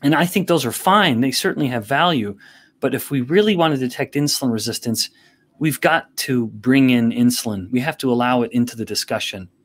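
A man speaking as a guest on a podcast interview. He explains in a measured, careful way at an ordinary pitch. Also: fairly bright tone. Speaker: guest expert.

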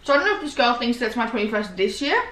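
Bright-voiced young Australian woman, mukbang chat. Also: a little high, very animated, quick pace. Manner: informal, slangy, rambling. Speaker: vlogger. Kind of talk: casual chatty mukbang vlog while eating. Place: small living room, indoors. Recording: roomy indoor echo.

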